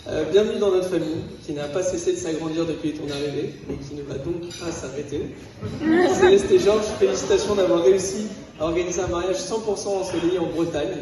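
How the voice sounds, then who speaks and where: A man giving a warm, slightly hesitant wedding speech, pausing for words. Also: high-pitched, a crowd in the background. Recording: distant in a reverberant hall.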